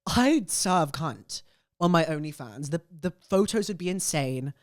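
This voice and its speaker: On her chatty, casual show, a young woman with a low voice speaks at a measured pace, gossiping gleefully and loading her reactions with emphasis. She likes to repeat phrases for effect, coming across as animated and opinionated, and the studio-quality recording has no echo.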